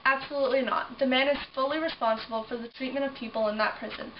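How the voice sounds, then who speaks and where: A woman playing a young survivor of a prison camp, speaking in a solemn, measured way in a mock news interview. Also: high-pitched, fairly even intonation, lightly acted. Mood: grave. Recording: dull distant recording with noise.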